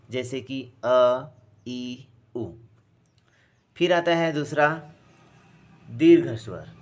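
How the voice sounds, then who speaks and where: Slow, deliberate male grammar teacher. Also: medium pitch. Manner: slow and deliberate, repeats terms, says each sound aloud; addresses students as friends. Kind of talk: recorded grammar lesson.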